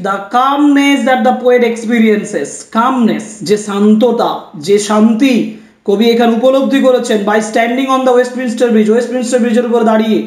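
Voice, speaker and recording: A man teaching an exam-prep lesson, reading each English question slowly and then explaining it quickly in Bengali. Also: extremely high pitch, darkish tone, roomy sound.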